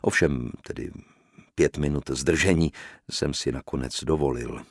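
A man narrating a novel in the first person, in a measured, expressive reading voice. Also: a bass voice, no echo, clean studio sound. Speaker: audiobook narrator.

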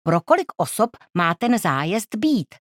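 A woman's voice: mid-range voice, sing-song, no echo, clean studio sound, voice pushed up, lightly acted. A woman voicing a polite, businesslike travel agent with glasses in a storybook reading.

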